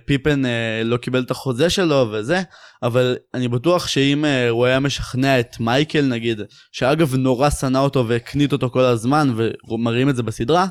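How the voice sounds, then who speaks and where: A man co-hosting a sports podcast, explaining things in a measured way. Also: medium pitch, dry recording, clean studio sound. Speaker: podcast co-host. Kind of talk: casual sports talk.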